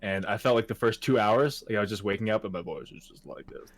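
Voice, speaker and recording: A man in his twenties with a lowish voice talks fast as a podcast co-host, keeping the chat casual, loose and profane and laughing often. There's no echo.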